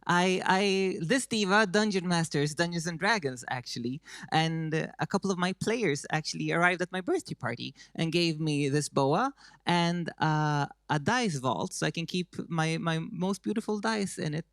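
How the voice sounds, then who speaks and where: A performer playing a grand diva persona, reciting spoken-word poetry in a dramatic, declamatory way with drawn-out lines, recorded in their own room. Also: mid-range voice, fairly bright tone, dry recording, clean studio sound, close to an everyday voice. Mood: playful. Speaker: slam poetry contestant.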